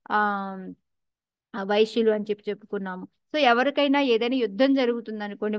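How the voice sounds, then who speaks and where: A woman's voice: medium pitch, no room sound, lo-fi sound. A woman with a Telugu accent teaching a scripture class in a conversational way, asking her listeners questions and mixing in English words.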